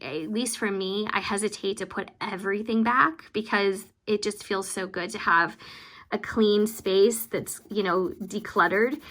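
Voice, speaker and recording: A woman vlogger giving casual, rambling, self-deprecating commentary as she works, with vocal fry at the ends of her phrases. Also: mid-range voice, sharp tone. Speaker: planner vlogger hosting budget updates. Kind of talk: casual chatty voice-over commentary while working.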